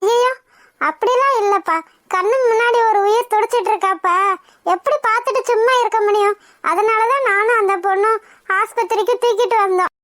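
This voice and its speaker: A kind old village grandmother from a cartoon, fussing and brushing off thanks. Her voice sits extremely high and thin, and the sound is close and dry. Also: brisk, a bit bright, no room sound. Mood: grateful.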